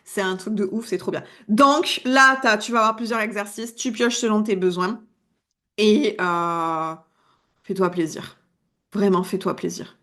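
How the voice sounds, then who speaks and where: A woman with an accent in French, a coach giving a casual, lively video lesson and laughing at herself as she talks. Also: medium pitch, a little slow. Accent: non-standard French accent. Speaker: wellness coach.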